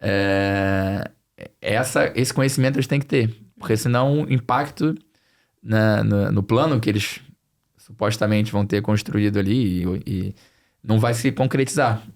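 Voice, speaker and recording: At a fairly low pitch and normal speed, a man speaks conversationally as a podcast guest. He's a financial planning expert whose Brazilian Portuguese accent is slightly mixed with European Portuguese, and he repeats phrases for emphasis.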